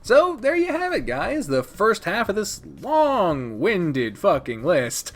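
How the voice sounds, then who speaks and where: This video game reviewer and channel host delivers informal countdown commentary, partly scripted, full of rambling, free swearing, and forceful opinions. His voice sits high and a bit bright, swinging hugely in pitch as he takes it slowly.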